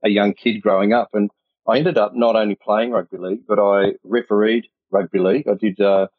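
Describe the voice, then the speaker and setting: Australian man in his fifties, low husky voice, quick rambling talk, dry dull video-call sound. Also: level tone, dry recording. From country New South Wales, Australia. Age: 50s. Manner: chatty, rambling storyteller. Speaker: guest coach. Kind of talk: casual interview.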